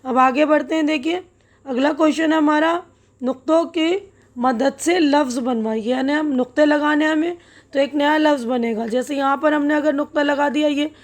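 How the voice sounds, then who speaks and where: A woman teaching a lesson, spelling words out letter by letter and pausing often to check that her listeners follow. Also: sits high. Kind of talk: step-by-step classroom lesson.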